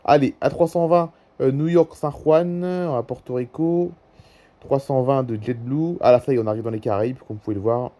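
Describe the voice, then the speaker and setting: A man's voice: medium pitch, fairly even intonation, normal speed, warm tone. A man, a YouTuber, casually commenting on live flight tracking, reading out routes with fillers and repeating himself. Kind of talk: casual screen-recording commentary.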